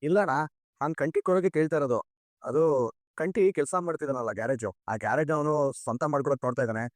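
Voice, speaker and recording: Actor as a quick, flattering driver begging his boss for a loan. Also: a little high, no room sound, natural voice. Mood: coaxing. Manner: coaxing, flattering. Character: eager young driver coaxing his boss. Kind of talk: TV serial acting.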